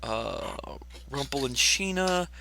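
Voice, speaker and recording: A man running a tabletop game as game master, unhurried, checking his notes and laughing easily. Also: medium pitch, animated, vocal fry, noisy background.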